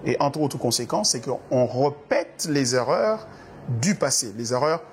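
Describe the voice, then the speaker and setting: A man's voice: medium pitch, expressive, a little slow, slight background noise. A man from the Congo, a pastor, answering interview questions about church doctrine in an earnest, preacherly way, with frequent hesitations and repeated words. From Democratic Republic of the Congo.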